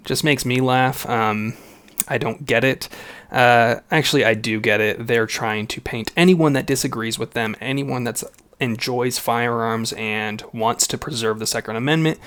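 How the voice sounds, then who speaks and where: A man hosting his own channel, talking casually to the camera from his room, with some fillers and pauses. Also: mid-range voice, fairly bright tone. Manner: conversational, a bit hesitant with fillers. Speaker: gun channel host. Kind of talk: casual vlog commentary. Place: home room.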